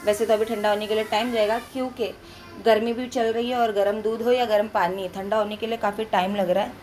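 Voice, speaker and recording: A young woman from India giving a chatty, loud voice-over for her home family vlog. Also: mid-range voice, little pitch movement, quick pace, faint music behind. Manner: talks loudly and chattily to viewers. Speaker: family vlogger. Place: at home, indoors.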